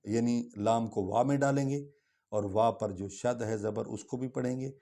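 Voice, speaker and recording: Calm male tajweed teacher, mellow voice. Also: mid-range voice. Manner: explains rules plainly, then recites verses slowly and drawn out. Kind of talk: tajweed lesson with slow chanted recitation.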